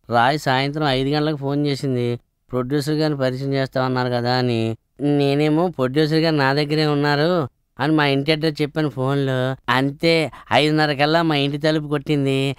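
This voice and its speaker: A man's voice: a little high, clean tone, no echo, clean studio sound, natural voice. An actor playing a henpecked office clerk who ruefully tells his story, in a comedy film. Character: henpecked, hapless office clerk and former womanizer. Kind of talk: Telugu comedy film acting.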